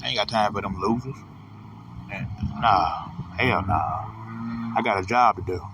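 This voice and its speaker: A man's voice: on the low side, measured pace. A man in his thirties giving a rambling, repetitive, profane motivational monologue as a podcast host. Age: 30s. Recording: distant mic with loud vehicle noise.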